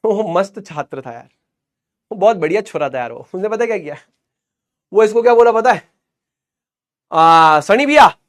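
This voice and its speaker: Young male teacher, very high voice, playful, repeats points for emphasis. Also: brisk, pauses often. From Rajasthan, India. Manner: lively and joking, repeats questions and answers for drilling. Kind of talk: explanatory lesson.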